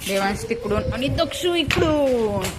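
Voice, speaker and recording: A young woman with a Marathi accent chatting in a family vlog, talking softly to the camera and calling out loudly to her small children. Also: fairly high pitch, lively intonation, measured pace, heavy background noise. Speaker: vlogger and mother. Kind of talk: casual family vlog chat. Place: home and school grounds.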